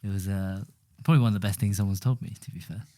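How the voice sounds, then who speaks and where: Guy in his thirties chatting fast on a podcast, lots of "like" and "right". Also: sits low, fairly even intonation, warm tone. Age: 30s. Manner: quick, laid-back, peppered with "like" and "right". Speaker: podcast co-host. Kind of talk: casual chat.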